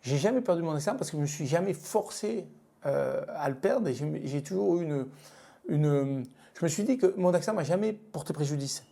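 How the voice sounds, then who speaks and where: Gravelly man with a southern French accent. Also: fairly high pitch, expressive, moderate pace, mellow. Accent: southern French (Midi). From France, Lozère. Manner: frank, hesitant, many fillers and restarts. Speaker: guest, business leader. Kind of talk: casual interview talk.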